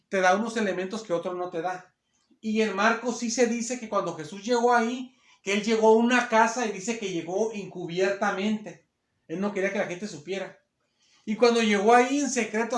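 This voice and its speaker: In a church hall, a man with a high, reverberant voice preaches to a congregation of women. His sermon is fervent and repetitive, and he often calls them sisters.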